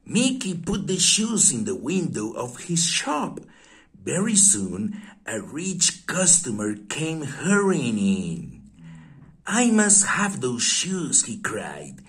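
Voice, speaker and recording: A man with a medium-pitched voice reads a fairy tale aloud for young children, deliberately and expressively, with pauses.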